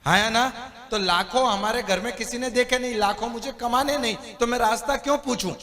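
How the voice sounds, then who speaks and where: A man with a fairly high voice delivers a motivational seminar from a stage, spinning stories and repeatedly checking that the audience agrees. His voice rings with the long reverb of a big hall. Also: fairly quick. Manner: lively storyteller who asks the audience for agreement. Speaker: motivational speaker. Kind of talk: stage seminar talk with storytelling.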